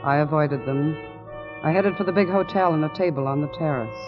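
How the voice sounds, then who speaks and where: A man narrating a 1940s radio drama with a measured, wry delivery. His voice sits somewhat high. Music plays clearly beneath the dull, dated broadcast sound.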